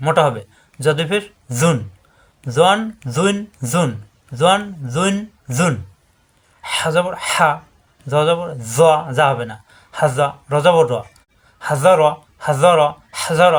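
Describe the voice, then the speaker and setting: A man's voice: a little high, fairly bright tone. A man teaching Quran letter pronunciation. He drills syllables in repeated chanted patterns, corrects wrong forms and tells viewers what to watch for. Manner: addresses viewers directly with instructions. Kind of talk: step-by-step letter pronunciation lesson.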